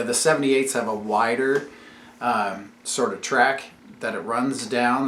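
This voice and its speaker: A YouTube host and father films a casual vlog in a room at home, explaining things like a teacher and asking his kids questions. His voice is mid-range with a fairly bright tone, recorded in an echoey room with faint background noise.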